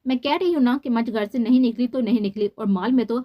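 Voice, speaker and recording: A woman's voice: medium pitch, brisk, dull audio, natural voice. A woman reading the lines of a stubborn, innocent-faced young wife in a storybook novel, pleading as she denies.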